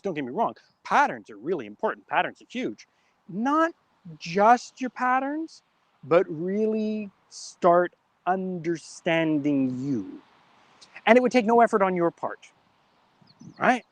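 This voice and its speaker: In a dry recording, a high-pitched man hosts a live talk show. His casual, jokey manner is full of restarts and self-corrections as he works his way through a long joke at an easy clip.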